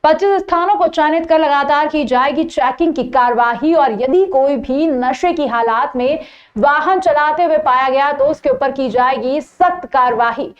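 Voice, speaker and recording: Woman, news anchor, high voice, formal steady reading, dull lo-fi audio. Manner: formal, steady newsreader delivery.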